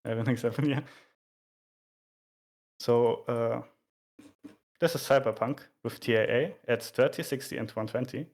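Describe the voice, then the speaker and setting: Man casually explaining, with halting delivery. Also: medium pitch, steady tone, a little mellow. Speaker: explainer of video game graphics.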